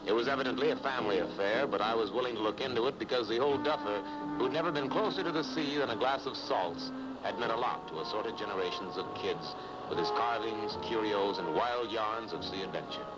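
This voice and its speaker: An actor playing an easygoing, kindly American private detective with a folksy, teasing manner in a 1950s TV drama. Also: male voice, lowish voice, a little fast, lo-fi sound, loud music behind the voice, natural voice. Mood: wry. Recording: noisy vintage TV soundtrack.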